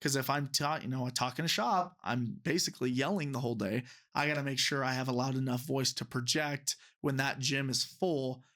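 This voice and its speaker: Brisk and pushed, with few pauses, his medium-pitched voice sounds bright. The speaker, an American man in his twenties who referees and teaches, is a casual interview guest who rambles and says "you know" a lot.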